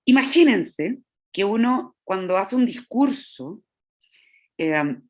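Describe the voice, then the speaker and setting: A woman's voice: medium pitch, lively intonation, takes it slowly, a little mellow. A woman teaching about the voice, explaining step by step and often checking in with her listeners. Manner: demonstrates vocal sounds. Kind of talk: lecture to teachers.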